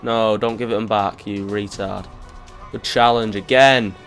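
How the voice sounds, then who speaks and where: Young guy commentating a football game, excitable and sweary, faint game music underneath. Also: lowish voice, unhurried. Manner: excitable, swearing, jokey, with sudden shouts. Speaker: gaming youtuber.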